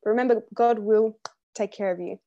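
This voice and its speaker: A woman's voice: medium pitch, fairly even intonation, brisk, dark tone, dull audio. A young woman hosting a faith podcast, talking earnestly and encouragingly, with frequent ums and restarts. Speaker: podcast host. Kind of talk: casual faith podcast chat.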